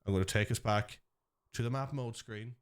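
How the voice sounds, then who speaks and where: An Irish man casting and running a live esports stream, chatting and joking with viewers in a lively way over faint background music. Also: mid-range voice, normal speed. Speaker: esports caster and organiser.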